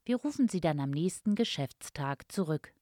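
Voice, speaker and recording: A woman's voice: low voice, animated, normal speed, dark tone, dry recording, studio quality. A woman in a polite, formal customer service voice, reading a scripted answering machine announcement. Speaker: phone announcement voice.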